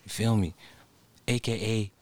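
A man's voice: lowish voice, steady tone, measured pace, darkish tone. A man co-hosting a podcast in casual, slangy group chat. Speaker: podcast co-host.

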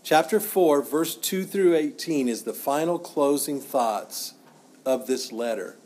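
A middle-aged man teaching as a pastor in an informal, halting, conversational way, often repeating himself. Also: fairly high pitch, lively intonation, a little mellow.

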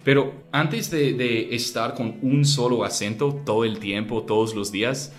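A man's voice: mid-range voice, measured pace, soft background music. A man who is not a native Spanish speaker talks in a casual conversation with a foreign accent, thoughtful and often restarting his words. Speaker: conversation partner.

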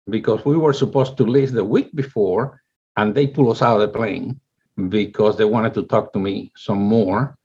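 The recording is dull and lo-fi: a husky, fairly low-pitched man in his seventies, born in Cuba, recounts his life story in English as an interview guest. A company chief executive and native Spanish speaker, he rambles and restarts frequently.

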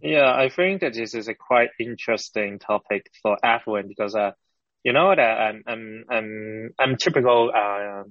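A Hong Kong startup founder answers interview questions in halting English, pausing often, with a Hong Kong accent. His voice sits on the low side, and the audio is dull with no room sound.

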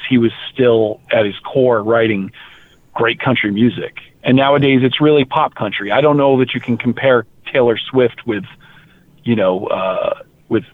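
Man from rural Maine, musician, casual interview talk, animated, tinny phone-like line. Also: mid-range voice. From rural Maine, USA. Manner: animated, speeds up and slows down, repeats words. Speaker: heavy metal musician.

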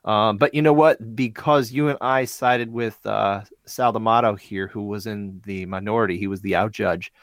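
A man co-hosting a sports podcast in casual chat, animated and full of restarts and asides. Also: on the low side, moderate pace, few pauses, no echo, clean studio sound. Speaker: podcast co-host.

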